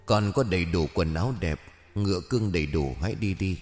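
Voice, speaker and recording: A kindly old male Buddha spirit from a folk tale, voiced by a man. He speaks gently and consolingly in a very deep voice. Faint music plays under the storybook reading. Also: brisk, in a large hall, lightly acted.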